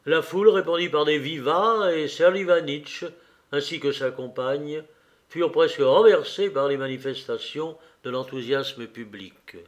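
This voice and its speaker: Guy reading an old novel out loud, steady pace, slightly high voice. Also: a little slow. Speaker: audiobook reader. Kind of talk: reading a classic novel aloud.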